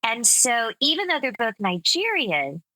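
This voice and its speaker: Slow, bright-voiced woman speech coach. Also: a little high, sing-song, no echo, low-quality recording. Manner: measured, explanatory. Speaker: speech coach and accent specialist. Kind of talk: conversational interview.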